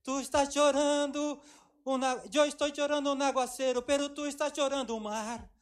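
High-voiced middle-aged pastor preaching emphatically. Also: male voice, level tone, moderate pace. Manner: emphatic, repeats phrases for effect, mixes Portuguese and Spanish. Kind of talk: sermon.

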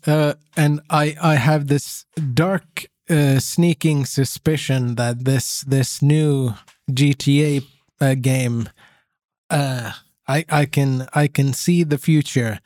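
A middle-aged man with a lingering cough, co-hosting a casual podcast in a halting, dryly humorous way. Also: medium pitch, steady tone, darkish tone, no echo, studio quality. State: has a persistent cough. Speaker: podcast co-host. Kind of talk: casual chat.

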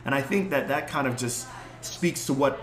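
A middle-aged man and clinic co-owner telling stories in casual conversation, animated and repeating words for emphasis. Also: mid-range voice, moderate pace. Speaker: clinic co-owner, podcast guest. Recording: echoey room.

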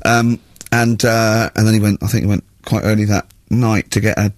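A man hosting a casual radio chat, telling animated anecdotes and acting out the people in them on a studio microphone. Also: lowish voice, moderate pace, dry recording. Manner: animated anecdote-teller who acts out the people he describes. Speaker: radio host.

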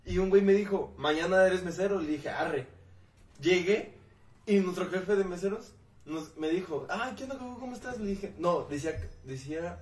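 A man's voice: high-pitched, moderate pace, far from the mic. A young man with a Mexican accent, telling a story among friends, swearing freely and acting out the lines of the people in it. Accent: Mexican Spanish. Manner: animated, swearing freely, acts out dialogue. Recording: roomy sound, somewhat off-mic.

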